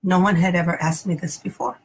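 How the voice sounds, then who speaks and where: A woman's voice: fairly low pitch, steady tone, brisk, husky, low-quality recording. A woman teacher giving an earnest, emotional personal testimony, hesitant at times.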